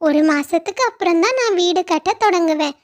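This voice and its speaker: A woman voicing a kind-hearted little sparrow in a cartoon, gentle and caring. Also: extremely high pitch, fairly quick. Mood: friendly.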